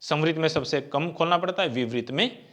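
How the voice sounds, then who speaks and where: A man's voice: a little high, normal speed, fairly bright tone. A man teaching an exam-prep grammar lecture. He asks questions and answers them himself, and he draws out vowel sounds as he demonstrates them.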